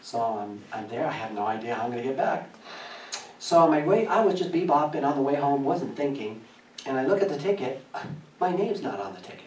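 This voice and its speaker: A man preaching a sermon, telling a personal story in a lively way and often laughing as he speaks. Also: medium pitch, a little fast, slight background noise. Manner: animated, laughing through his story. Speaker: pastor. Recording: echoey church from a distance.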